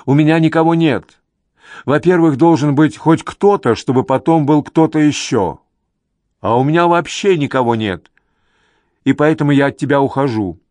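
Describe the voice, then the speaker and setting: A man voicing an upset woman shouting at her husband in an audiobook. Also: mid-range voice, moderate pace, no room sound, natural voice. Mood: angry. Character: angry distraught woman leaving her husband.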